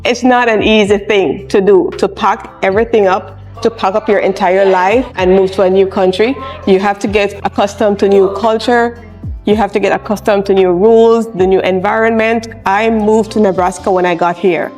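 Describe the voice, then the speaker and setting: A woman, a charge nurse speaking in a personal interview in a soft-spoken, reflective, encouraging way. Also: mid-range voice, steady tone, normal speed. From Jamaica. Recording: soft music underneath.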